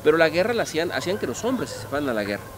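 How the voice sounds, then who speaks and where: A middle-aged man leads an outdoor tour, his voice a little high and lively as he tells legends and throws questions to his listeners. Steady background noise from the open air sits under the lapel mic. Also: rapid-fire. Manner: animated, gesturing, asks the audience questions. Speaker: museum guide. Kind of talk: storytelling tour explanation. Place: outdoor park museum among statues.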